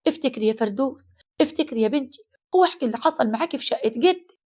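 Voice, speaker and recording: A woman's voice: sits high, lively intonation, rapid-fire. A woman voicing a grieving, tearful Egyptian mother in an audio horror story. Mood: sorrowful. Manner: loud, tearful pleading. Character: grieving middle-aged Egyptian mother, loud and pleading.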